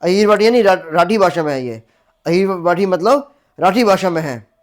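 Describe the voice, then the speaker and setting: High-voiced man drilling exam facts. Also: lively intonation, moderate pace. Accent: Rajasthani. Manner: asks the class "clear?" again and again; drills facts by repeating them. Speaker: teacher. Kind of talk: exam-prep lecture.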